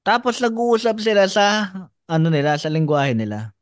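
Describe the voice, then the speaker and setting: A man's voice: high voice, very animated, normal speed, clean tone, no echo, clean studio sound. A Filipino man hosting a podcast, chatting casually and laughing often as he jokes. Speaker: podcast host. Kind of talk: casual chat.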